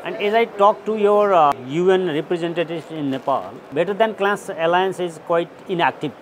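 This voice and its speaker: A man's voice: sits high, normal speed. A man interviewing, asking direct questions in non-native English. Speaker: interviewer, financial literacy worker. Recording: outdoor recording with crowd noise.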